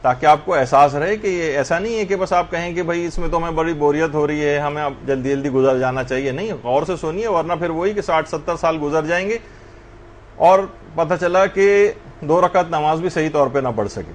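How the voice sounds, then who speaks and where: High-voiced man giving an earnest lecture. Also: a little hiss or hum. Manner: earnest, repeatedly addressing students directly. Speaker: religious teacher. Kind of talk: classroom lecture on prayer.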